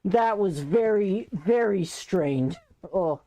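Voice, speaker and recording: Slow, smooth-voiced woman streamer. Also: deep voice, darkish tone. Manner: playful, self-amused rambling. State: dry, strained throat. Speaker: streamer doing voice training. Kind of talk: casual live-stream chat.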